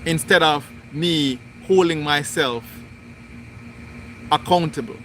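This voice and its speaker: A man with a bright, slightly raised voice speaks very slowly and deliberately, circling back over his phrases as he reflects aloud on a livestream. A faint hiss of noise sits underneath. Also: on the high side. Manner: slow, deliberate, repetitive phrasing. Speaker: spiritual livestream host. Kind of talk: reflective spoken monologue.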